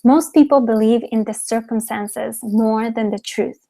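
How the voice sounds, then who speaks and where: A woman's voice: on the high side, measured pace, gravelly, mellow. A woman from Cuba, a business coach giving a motivational webinar talk, repeating herself for emphasis and tagging lines with "okay?". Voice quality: frequent "okay?" tag questions, emphatic repetition.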